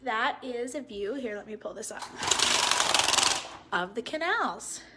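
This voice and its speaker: Lady agent walking thru a house on her phone, takes her time, kinda high voice. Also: lively intonation, heavy background noise. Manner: upbeat, admiring, slow and deliberate. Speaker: real estate agent. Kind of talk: live virtual house tour. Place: large house indoors, walking room to room. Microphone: phone held at arm's length.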